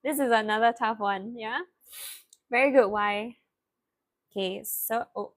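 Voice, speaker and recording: A young woman leads a live online spelling lesson, cheerfully praising students by name. Her voice sits high, and she talks at an easy, unhurried pace, drawing words out slowly when she spells them. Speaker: online tutor.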